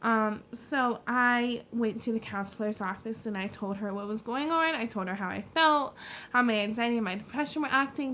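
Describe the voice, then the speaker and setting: Young adult woman, American accent, slightly high voice, casual personal storytime, informal stop-and-start delivery. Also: fairly bright tone, a little hiss or hum. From United States. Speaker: vlogger.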